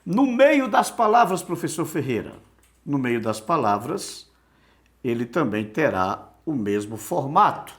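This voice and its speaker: A man teaching an online lesson, asking himself questions and answering them, repeating words slowly so they can be drilled. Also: mid-range voice, very animated.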